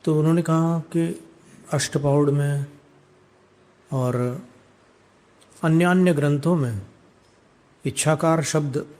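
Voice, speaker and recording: A man, a monk, chanting prayers in a drawn-out way and then explaining scripture in a calm teaching sermon. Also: fairly high pitch. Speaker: Jain monk giving a discourse.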